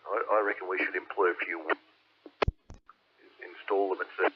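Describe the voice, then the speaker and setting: A man's voice: low-pitched, level tone, brisk, husky. An Australian man chatting offhand on a CB radio, his signal choppy and cutting out. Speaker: CB radio operator. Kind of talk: casual radio chat. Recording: dull lo-fi two-way radio.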